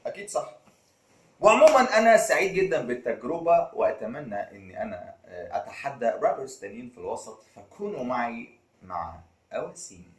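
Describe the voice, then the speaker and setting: Fast, slangy Egyptian rapper man. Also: mid-range voice, very animated, roomy sound, far from the mic, soft background music. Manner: loose, slangy, laid-back talk. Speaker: rapper and vlogger. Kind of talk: casual chat between freestyle rap takes.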